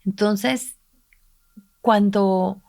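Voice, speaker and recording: Middle-aged woman, reflective storyteller, emotional, mid-pitched. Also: fairly even intonation, very slow, gravelly, a little mellow. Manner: emotional, reflective, voices quoted people while retelling. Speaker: podcast co-host, mother. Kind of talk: intimate conversational storytelling.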